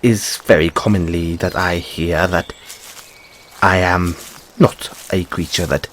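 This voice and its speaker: A man's voice: low voice, fairly even intonation, takes it slowly, a little hiss or hum. A man playing an anxious, polite, whimsical rabbit boy in a fantasy audio roleplay, with stammered, courteous, old-fashioned phrasing. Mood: polite, curious. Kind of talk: theatrical fantasy audio roleplay addressed to listener.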